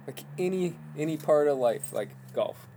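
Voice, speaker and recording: Man, minnesota accent, gravelly voice, laid-back podcast host, slight background noise. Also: fairly high pitch, expressive, normal speed, dark tone. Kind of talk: casual chat.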